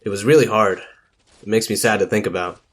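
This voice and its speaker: A man's voice: on the low side, fairly even intonation, a little fast, lightly acted. A man voicing a meek, self-doubting young recruit who speaks in a subdued, sad way.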